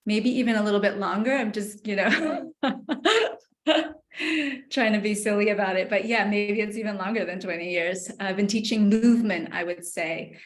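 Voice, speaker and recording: A woman's voice: medium pitch, steady tone, normal speed. A middle-aged woman from New York, a yoga teacher talking casually and thoughtfully in an interview, with many fillers. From New York City. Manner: thoughtful, hesitant, many fillers and small laughs. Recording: roomy echo.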